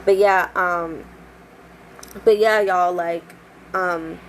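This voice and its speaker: A woman's voice: fairly low pitch, drawn-out words, low-quality recording. Chatty young woman with faint hiss. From United States. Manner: chatty, animated, many fillers and quoted asides. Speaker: shop owner. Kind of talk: casual storytelling vlog.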